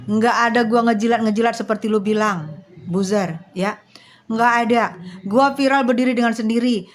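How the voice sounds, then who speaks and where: A woman's voice: fairly high pitch, normal speed, slight background noise. A woman, livestreaming and talking bluntly and directly to her viewers. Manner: blunt, slangy, speaks straight to her viewers. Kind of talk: live stream chat.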